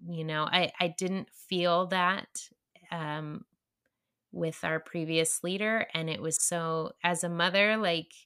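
A young woman co-hosting a podcast in casual chat, earnest and halting, with many fillers and restarts. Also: lowish voice, steady tone, sharp tone, clear, resonant tone. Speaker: podcast co-host.

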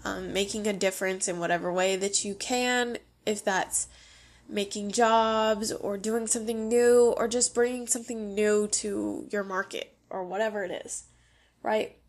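A woman's voice: mid-range voice, fairly even intonation, a little slow. A young woman hosting a casual solo podcast, sounding congested and chatty, full of "like" fillers. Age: young adult. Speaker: podcast host.

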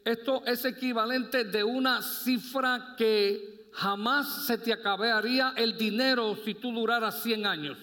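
A man preaching as pastor in short phrases, pausing so an interpreter can follow. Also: extremely high pitch, steady tone, pushed and bright. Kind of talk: bilingual sermon with interpreter. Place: church hall. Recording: reverberant hall.

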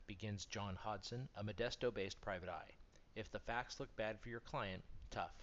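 A man with a somewhat low voice reads magazine articles aloud in scripted narration. His delivery is steady and measured throughout. The recording sounds dull and lo-fi, with faint background noise.

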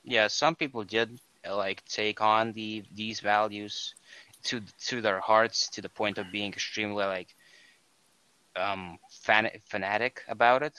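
A man's voice: lowish voice, fairly even intonation, unhurried, bright, forceful tone, clean tone, dry recording, rough recording. A young man from Estonia talking casually on a podcast, rambling and often correcting himself mid-sentence. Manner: rambling, self-correcting, many fillers. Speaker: podcast co-host. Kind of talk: casual chat.

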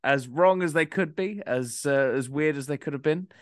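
A man's voice: on the high side, moderate pace, no room sound. Rambling man, dry close sound. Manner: rambling with many fillers, laughs often. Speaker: podcast co-host. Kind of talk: casual chat.

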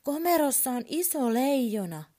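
A high, bright little boy's voice rings out, calling eagerly again and again for his father at bedtime. A woman reading a storybook aloud puts him on. He sounds lively and loud, swinging up and down. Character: small excited boy who won't sleep.

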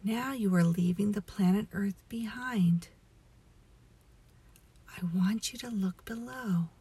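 Slow, very breathy woman guiding a meditation. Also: medium pitch. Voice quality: breathy, often near a whisper. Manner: slow, soothing, hushed delivery. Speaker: guided meditation host. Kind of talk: guided meditation storytelling for relaxation.

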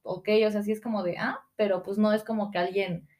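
Woman, podcast co-host, casual rambling chat, middle pitch. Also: steady tone, brisk, a little mellow. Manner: rambling storytelling, acts out what people said.

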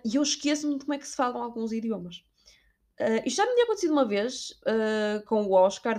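A woman's voice: medium pitch, darkish tone. A young woman from Portugal with a European Portuguese accent, casually telling stories to her viewers and drifting into Spanish words. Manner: chatty and digressive, slips Spanish words into her talk. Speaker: vlogger.

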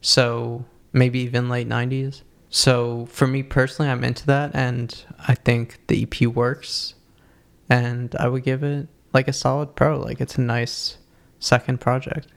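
Flat, gravelly-voiced man reviewing music. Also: medium pitch, unhurried. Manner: laid-back, flat delivery with many fillers. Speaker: podcast co-host. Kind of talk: casual music review chat.

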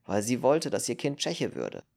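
A man's voice: medium pitch, wildly swooping pitch, normal speed, gravelly, a little mellow, exaggerated voice. A man voicing a world-weary, cynical male politician with dry, sardonic remarks in an audiobook. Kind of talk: audiobook character reading.

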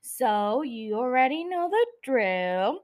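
High-pitched, sweary woman podcast host. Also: sing-song, takes it slowly. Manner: sweary, irreverent, jokey; rambling, self-interrupting, teasing. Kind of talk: casual solo podcast chat about TV shows.

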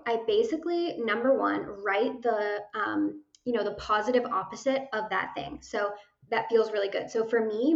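A young woman talks casually and at length, sprinkling her speech with fillers and swear words. Her voice sits a little high. The recording is roomy and dull. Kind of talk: casual chat.

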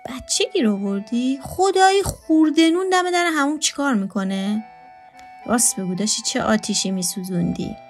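A woman's voice: on the high side, lively intonation, soft background music. A woman voicing a sarcastic, teasing houseguest. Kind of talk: read storytelling.

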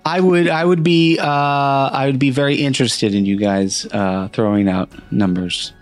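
A man running a tabletop game as game master, improvising narration in a halting way and repeating words as he thinks. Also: medium pitch, soft background music.

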